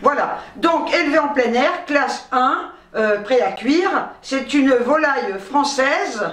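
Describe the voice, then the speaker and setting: A woman's voice: sits high, animated, slow, fairly bright tone, recorded from a distance. Woman, grocery haul chat, blunt and swearing, echoey room, off-mic. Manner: blunt, chatty, swears freely and laughs at herself. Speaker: vlogger showing her grocery haul. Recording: roomy echo, speaking from away from the mic.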